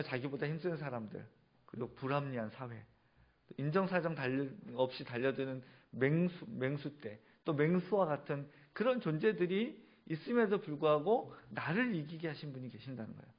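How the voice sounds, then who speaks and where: Man, pastor, lively sermon, fairly high voice, muffled lo-fi church recording. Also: normal speed. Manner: lively preaching, asks the congregation questions. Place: church sanctuary.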